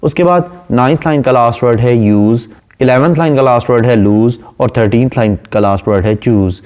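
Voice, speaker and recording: A man, lecturing on a poem and explaining it line by line, reading the verse slowly. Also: medium pitch, darkish tone. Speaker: literature lecturer.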